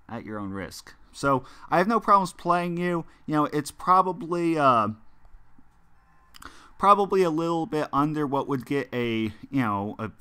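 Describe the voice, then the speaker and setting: This young American streamer plays a mobile football game and chats casually with viewers, rambling with frequent fillers and restarts. His medium-pitched voice has a sharp yet smooth quality.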